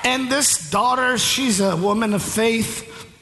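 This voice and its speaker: A man preaching a charismatic sermon, moving from storytelling into shouted preaching and calling out to the congregation. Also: very high-pitched, slow, heavy background noise. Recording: long hall reverb with faint room ambience.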